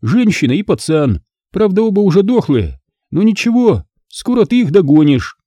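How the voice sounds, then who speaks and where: Alisa, a shrill spiteful woman voiced by a man. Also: very animated, moderate pace, mellow, husky, dry recording, exaggerated voice. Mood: gloating mockery. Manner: taunting, sneering. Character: spiteful scheming young woman, mocking and shrill.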